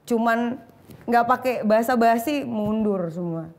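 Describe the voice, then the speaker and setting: A young woman shares her testimony in an interview, her voice sitting a little high. She tells it vividly, dropping and raising her voice to play the people in her story. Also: unhurried. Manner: animated storytelling, acting out quotes with shifting voice. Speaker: guest sharing her testimony. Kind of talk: emotional conversational testimony.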